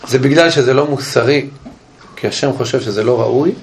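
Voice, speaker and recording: A man's voice: mid-range voice, slight background noise. A man teaching a Bible study class, explaining with questions and frequent restarts. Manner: questioning, animated, with many restarts.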